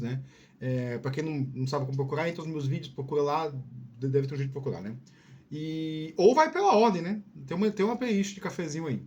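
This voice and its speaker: A man from Piauí, Brazil, hosts a video offering casual career advice, speaking informally and going off on tangents while often repeating words and checking in with the listener. His voice is fairly high with a darkish tone.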